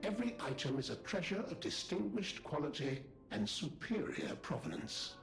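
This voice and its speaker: A man's voice: sits high, expressive, normal speed, creaky. An actor voicing a polite male puppet butler in a video game, speaking in formal, deferential salesman patter. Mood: courteous. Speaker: major domo of a luxury shop. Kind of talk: video game character dialogue. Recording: roomy game audio with music behind.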